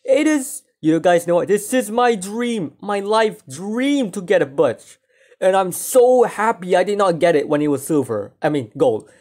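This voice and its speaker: A woman giving excited game commentary as a video creator, talking eagerly and often breaking into yelling. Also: fairly low pitch, a little slow.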